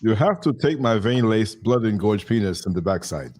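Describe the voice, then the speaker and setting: A man's voice: fairly low pitch, animated, moderate pace, a little mellow, voice pushed down. A man voicing a crude, boastful man with a put-on Nigerian accent. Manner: lewd swaggering bravado.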